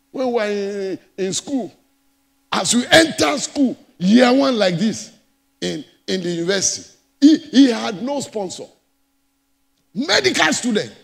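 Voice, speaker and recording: Male pastor, high animated voice, gravelly edge, emphatic repeats, church hall reverb. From Nigeria. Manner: emphatic preaching with repetitions and swings between loud and soft. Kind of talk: sermon.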